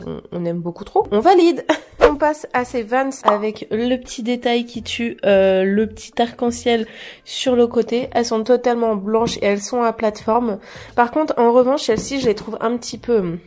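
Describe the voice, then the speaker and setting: A young woman with a fairly high, somewhat dark voice talks casually to the camera about clothes she bought. She's a fashion vlogger doing a haul chat, sounding hesitant, with lots of fillers and little laughs.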